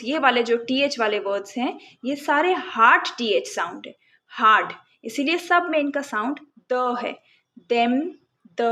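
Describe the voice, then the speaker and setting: A woman teaching phonics, breaking words into separate sounds and then blending them, in a calm lesson. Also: high voice. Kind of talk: slow, sound-by-sound phonics lesson in Hindi-English mix.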